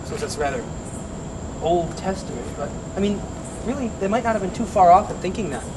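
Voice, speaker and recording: A man guiding a ghost tour, telling grim history in a dramatic, deliberate storytelling way with emphatic pauses, recorded outdoors. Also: sits high, animated. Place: outdoors on a city street by an old building. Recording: outdoor recording with clear city traffic noise.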